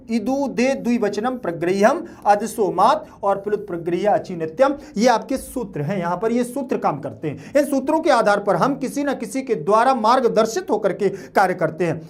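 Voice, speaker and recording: A male teacher with a fairly high, light voice walks students through a grammar rule. He is patient and repetitive and keeps checking that they follow. He makes his points with homely everyday examples. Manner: uses everyday comparisons. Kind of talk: explaining grammar in a class video.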